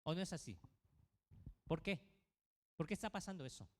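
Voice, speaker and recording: Lively high-voiced man preaching. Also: normal speed. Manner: preaching with many rhetorical questions. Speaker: pastor. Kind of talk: sermon. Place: church. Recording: reverberant church hall.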